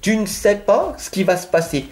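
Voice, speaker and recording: His voice is high with big swings in pitch, delivered at a moderate pace with a darkish tone. He's a tarot reader with a French accent, addressing the viewer directly in an earnest, insistent way and repeatedly checking in with "d'accord?".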